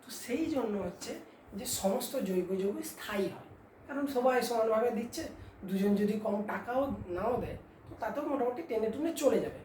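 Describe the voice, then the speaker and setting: A woman teaching a class, asking questions and answering them herself, dictating points slowly for her students. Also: on the high side, expressive, dark tone, a little hiss or hum. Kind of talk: classroom chemistry lesson. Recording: echoey room, mic at a distance.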